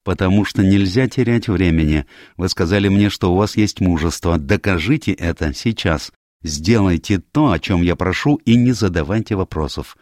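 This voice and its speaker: A man voicing a fussy little Belgian male detective in an audiobook, speaking in a precise, measured, insistent way. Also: lowish voice, sing-song, warm tone, no echo, clean studio sound, voice pushed up. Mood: commanding. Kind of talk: audiobook character voice.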